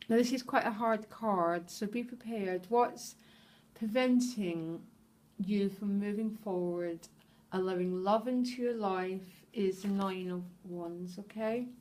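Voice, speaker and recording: A woman reads tarot cards for her viewers in an earnest, heartfelt way. She is openly moved as she speaks and keeps checking in with them as she goes. Her voice sits at an everyday middle pitch. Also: darkish tone. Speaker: tarot reader. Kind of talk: tarot reading addressed to viewers.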